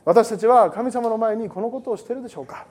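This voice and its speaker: A male pastor preaching a sermon to a congregation in a lively, joking way that often wanders off topic. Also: very high-pitched, fast talker, breathy edge. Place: church service with a congregation.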